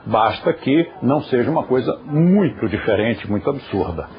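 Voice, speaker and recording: A man's voice: medium pitch, animated, moderate pace, noisy background. A man teaching a yoga class, patiently explaining pronunciation and turning aside to talk to viewers at home. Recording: dull lo-fi recording.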